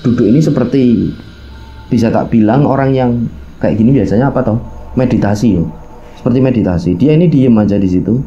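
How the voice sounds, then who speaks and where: With faint music in the background and the highs cut off, a warm, medium-pitched man with a Javanese accent tells, fairly quickly, about his own mountain climb. He chats casually to listeners, plays out the quoted conversations, and slips in local phrases.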